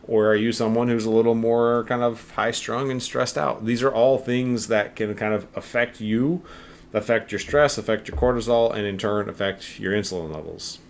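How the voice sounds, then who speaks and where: A man's voice: fairly low pitch, steady tone, normal speed. A man co-hosting a health podcast, explaining in a rambling, casual way with lots of fillers. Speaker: podcast co-host.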